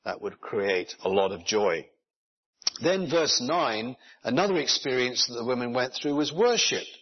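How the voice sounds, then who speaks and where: A man's voice: medium pitch, lively intonation, unhurried, husky. A man giving an earnest sermon as pastor, explaining scripture and asking rhetorical questions. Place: church in Japan. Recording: dull lo-fi recording.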